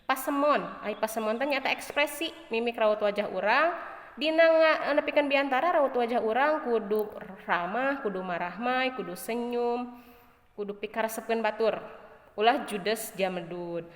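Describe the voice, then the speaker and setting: A woman's voice: fairly high pitch, moderate pace. A woman with a Sundanese accent giving a lesson, explaining points one by one in order. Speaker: teacher. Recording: echoey room with long reverb.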